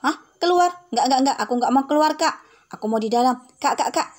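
A chirpy little sister squeals and yelps in a high, bright voice, as a woman puts her on for a game role-play. The voice leaps up sharply on surprises and sounds young and eager throughout. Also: expressive, fairly quick.

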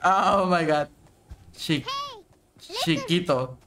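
Young Mexican male streamer, high-pitched, slangy and chatty, faint hiss behind. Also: extremely slow. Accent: Mexican Spanish. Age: 20s. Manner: slangy, chatty, hums and bursts into shouts. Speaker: game streamer. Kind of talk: casual live-stream chat.

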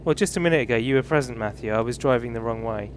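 A thirtysomething English livestream host with a British accent rambles and mocks himself while driving a truck in a game. He speaks very fast in a mid-range voice, with in-game engine and road noise behind him.

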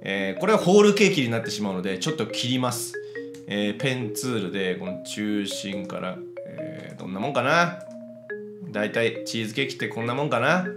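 Excitable man doing game commentary. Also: on the low side, fairly quick. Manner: chatty, excitable, talking to himself while playing. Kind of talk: casual let's-play commentary. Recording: roomy echo with background music.

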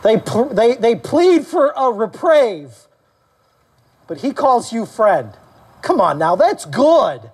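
Animated male pastor preaching a sermon. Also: takes it slowly, husky. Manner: animated preaching, acting out quoted voices with rising pitch; asks the congregation questions and calls for amens. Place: church service.

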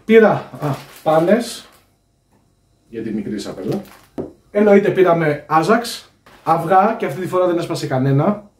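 A man's voice: fairly high pitch, very animated, pauses often, a little mellow. A man in his thirties chatting casually as he unpacks groceries at home, joking and giving items playful made-up names. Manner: jokey, lists groceries with playful made-up endings. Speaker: co-host. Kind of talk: casual chat. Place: home kitchen indoors. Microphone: camera across the room. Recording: echoey kitchen from far off.

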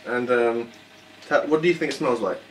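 A man co-hosting a casual food taste-test, blunt and joking, swearing freely. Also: mid-range voice. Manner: blunt, swears, quick jokes. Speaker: food review co-host. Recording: echoey room, distant mic, faint noise.

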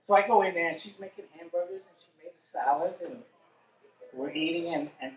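Guy spinning a wild story, animated and cussing, sounds distant with room echo. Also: a little high, fairly quick. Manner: animated, swears freely, wry. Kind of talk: casual spoken storytelling. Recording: roomy echo, distant mic.

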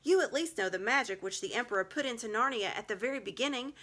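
A woman reads as a cruel storybook witch queen. She is haughty and savage, with a raised, sharp, forceful voice that declaims every claim as a command. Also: on the high side, lively intonation, fast talker, pitched above the performer's own voice. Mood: shrill outrage.

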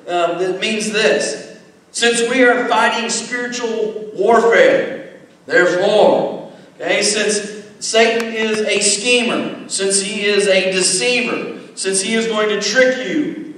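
A man with a fairly high voice preaches to his congregation, pausing often to ask "okay?" and hammering key words through repetition. His voice rings through a large, reverberant church sanctuary. The mic sits some way off, so he sounds distant. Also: a bit bright. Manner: deliberate preaching with repeated "okay" checks and emphatic repetition. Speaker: pastor. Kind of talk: sermon. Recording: echoey church hall from a distance. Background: long hall reverb.

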